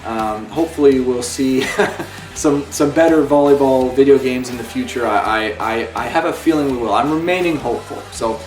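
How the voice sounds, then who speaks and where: A man hosting his own channel gives an earnest, impassioned review of a video game, making pleading appeals. His mid-range voice moves at a moderate pace, captured far from the mic with roomy echo and faint music.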